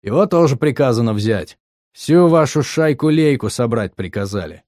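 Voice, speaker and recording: A man's voice: medium pitch, lively intonation, moderate pace, darkish tone, no echo, clean studio sound, close to an everyday voice. A man voicing a menacing male mercenary commander who barks orders and mocks. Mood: smug. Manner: barking commands, mocking.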